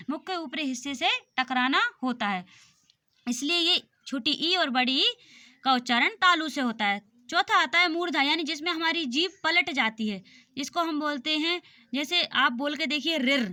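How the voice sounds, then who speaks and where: A woman's voice: high voice, sharp tone. A woman teaching a grammar lesson for exam preparation, patiently explaining and sounding out vowels aloud.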